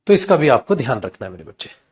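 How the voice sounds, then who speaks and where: A man's voice: mid-range voice, very animated, fast talker. A man with an Indian accent teaching an English grammar class in Hindi, chatty and teasing, often calling the students beta. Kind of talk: live online class in Hindi.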